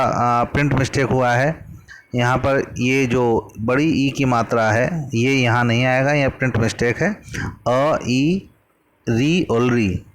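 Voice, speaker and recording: A man teaching a grammar lesson from a worksheet, patiently explaining and drawing out vowel sounds as examples. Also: medium pitch.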